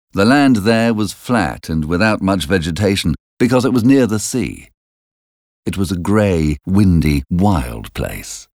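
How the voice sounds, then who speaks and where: Male audiobook narrator with a deep voice and lively, varied intonation, reading slowly in a dry room. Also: no echo. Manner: slow, deliberate reading. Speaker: audiobook reader. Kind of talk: storybook narration.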